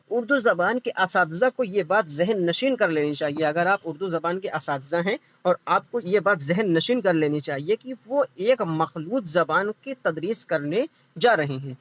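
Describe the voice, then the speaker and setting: High-voiced man teaching an exam class. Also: fairly bright tone. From India. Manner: repeats each point, asks and answers his own questions. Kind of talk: exam-prep lecture.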